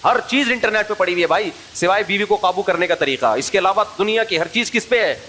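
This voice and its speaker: A middle-aged male preacher from Pakistan speaks with a fairly high voice, telling humorous stories in a loose, chatty way. He keeps pulling his audience in with direct questions, and a faint hiss sits under the recording. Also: lively intonation, sharp tone, low-quality recording. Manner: humorous, anecdotal, throws questions at listeners. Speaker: Islamic preacher. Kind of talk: informal religious talk to an audience.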